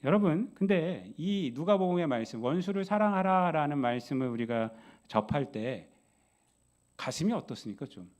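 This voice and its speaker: In a voice that sits a little high, this man preaches at normal speed as a pastor. His sermon retells Bible stories energetically, with acted-out voices and frequent rhetorical questions.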